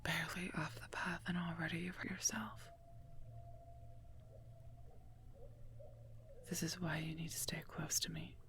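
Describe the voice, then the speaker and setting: Close to the microphone, a woman whispers as a protective, stern werewolf knight in an ASMR roleplay, formal, soft, and breathy. Her deep voice is flat and brisk as she scolds gently and earnestly, with slight background noise.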